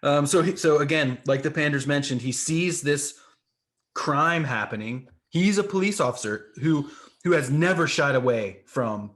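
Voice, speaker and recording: A man's voice: on the high side, moderate pace, fairly bright tone. A man co-hosting a comic book podcast, talking casually and acting out the panels with sound effects. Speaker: podcast co-host.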